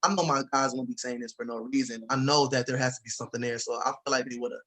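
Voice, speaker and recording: A man's voice: medium pitch, steady tone, fast talker, pushed and bright, rough recording. A young man, a former college athlete, speaking emphatically in a panel discussion and checking in with his listeners.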